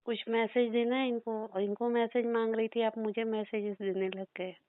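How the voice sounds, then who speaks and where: A woman's voice: a little high, level tone, normal speed, dry recording. Chatty woman on a tinny dry line. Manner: laughs often, chatty and playful. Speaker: psychic reader. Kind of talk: relaying messages in a reading.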